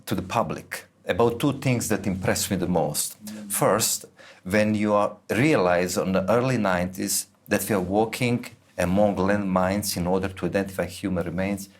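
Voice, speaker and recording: A man's voice: deep voice, moderate pace. A man interviewing a guest, speaking in an earnest, formal way as he praises the guest's work.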